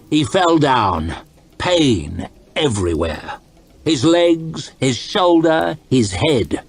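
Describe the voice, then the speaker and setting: Calm, husky male storyteller. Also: medium pitch. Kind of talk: ASMR storytime narration.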